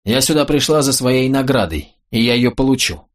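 A man reading an audiobook, voicing a cool, sharp-tongued young woman who gives orders in an imperious, sarcastic way. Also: medium pitch, lively intonation, moderate pace, close to an everyday voice. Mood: commanding.

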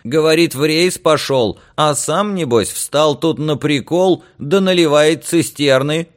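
A man voicing a loud, scolding stout village wife in an audiobook, complaining at the top of her voice. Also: unhurried, close to an everyday voice. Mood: indignant. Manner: shrill, complaining shouting.

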